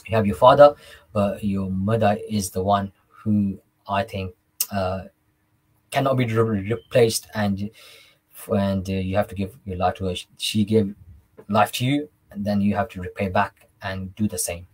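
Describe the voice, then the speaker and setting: A man's voice: lowish voice, steady tone, measured pace, breathy edge, low-quality recording. A young man answering interview questions in a conversational way, often repeating and restarting his words. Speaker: interview guest, devotional singer. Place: small room indoors on a video call.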